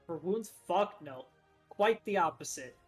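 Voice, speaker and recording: A player acting out a young man in a tabletop fantasy role-play. He is blunt and terse, with a sardonic, protective edge, at a middling pitch. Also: lively intonation, unhurried, breathy edge, faint music behind. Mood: blunt, urgent.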